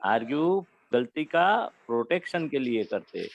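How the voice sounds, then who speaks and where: A man giving a spiritual talk to young listeners, explaining slowly and repeating his key phrases. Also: medium pitch, big pitch swings, gravelly. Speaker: spiritual teacher. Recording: dull lo-fi recording.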